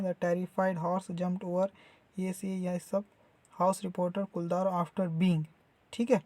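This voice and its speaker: Man, teacher, reads English slowly then explains patiently, dry close recording. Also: high-pitched, darkish tone, no room sound. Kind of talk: explaining a textbook lesson to students.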